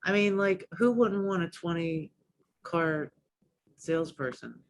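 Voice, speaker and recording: A man's voice: on the high side, a little slow, slight background noise. A man guesting on a podcast, talking casually and enthusiastically, with many "like"s and restarts. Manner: enthusiastic, rambling, lots of "like".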